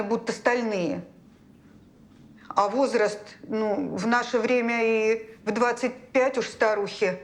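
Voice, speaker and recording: An actress playing a plain-spoken, hesitant servant woman in a period detective series. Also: on the high side. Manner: folksy, hesitant.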